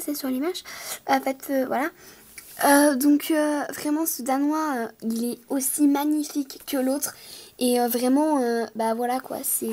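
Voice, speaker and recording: A woman's voice: sits high, darkish tone. A woman talks casually to viewers as a toy collector, gushing, repeating words and hesitating often. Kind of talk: casual vlog talk to viewers.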